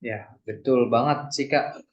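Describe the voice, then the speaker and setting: A man's voice: mid-range voice, a little slow, reverberant, lo-fi sound. A man moderating a webinar, casually reading audience questions from the chat. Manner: relaxed, reads audience questions aloud.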